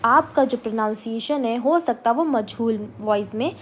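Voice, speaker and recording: A woman teaching an online Quran recitation lesson. She explains pronunciation with English words mixed in, then drills syllables slowly and clearly. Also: on the high side. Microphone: video call or home recording.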